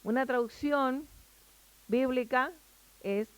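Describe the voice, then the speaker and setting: High-voiced Argentine woman teaching the Bible. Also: slow, clean tone, no room sound. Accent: Rioplatense Spanish. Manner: explains word by word, asks the listeners questions. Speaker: women's meeting speaker.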